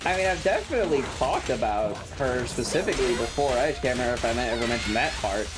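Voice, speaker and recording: A streamer with a medium-pitched, expressive voice chats casually while commentating on a game, speaking at a quick pace over music. The tone is sardonic and mock-serious, and the streamer takes time over the words.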